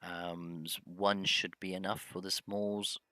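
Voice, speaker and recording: A man's voice: low-pitched, flat delivery, slow, sharp tone, clean tone, no room sound. A man casually commenting on his own gameplay, rambling with many hesitations and humming to himself. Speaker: gameplay video host. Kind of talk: casual let's-play commentary.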